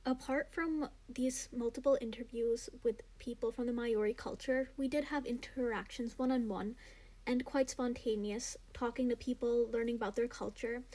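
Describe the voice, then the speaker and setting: A young American student woman narrating a school presentation in a measured, read-aloud way. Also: a little high, a little mellow, rough recording. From United States. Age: young adult. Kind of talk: scripted narration.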